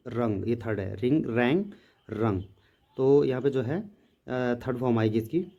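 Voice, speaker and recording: A man teaching a grammar lesson, stretching each example out slowly as if dictating. His voice is dark and mellow, and he talks at an unhurried pace. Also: mid-range voice, lo-fi sound. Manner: slow, drawn-out dictation of English sentences. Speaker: English teacher.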